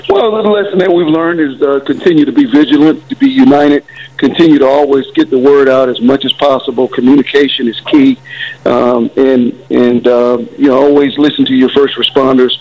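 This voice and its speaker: Measured male mayor on a dull phone line. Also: medium pitch, steady tone, a little hiss or hum. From Florida, United States. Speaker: city mayor. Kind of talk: phone interview on live news. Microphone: telephone.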